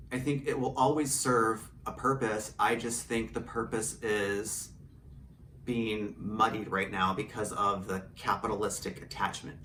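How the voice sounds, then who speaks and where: This audio drama writer, producer and drag performer from rural Michigan talks openly and opinionatedly in a relaxed interview, his lowish American voice sounding pushed and bright. The setting is an indoor home studio, captured roomy and distant with slight background noise.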